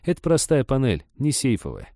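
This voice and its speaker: A man's voice: mid-range voice, huge pitch swings, fairly quick, dark tone, no room sound, clean studio sound, pitched above the performer's own voice. A man voicing an eager, helpful male cyborg who talks in stiff, report-like machine phrasing in an audiobook story. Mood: deadpan eager.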